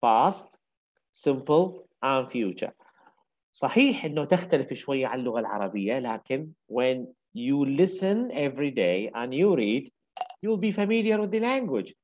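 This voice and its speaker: An older male teacher with an Iraqi accent and a medium-pitched voice. He gives a university lecture, moving through the material step by step and repeating key phrases to make his point clear. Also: very animated, takes it slowly, darkish tone. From Iraq. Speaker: English teacher.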